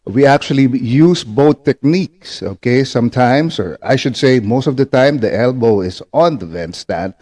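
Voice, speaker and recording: A man's voice: medium pitch, expressive, moderate pace, few pauses, darkish tone. A man giving an instructional demonstration as a teacher, patient and repetitive, often checking in with short tag questions. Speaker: ventriloquism instructor.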